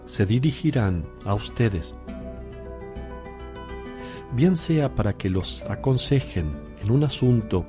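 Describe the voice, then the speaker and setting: An actor playing Jesus in a religious radio drama, a calm, solemn teacher speaking in a deliberate, measured way. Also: male voice, lowish voice.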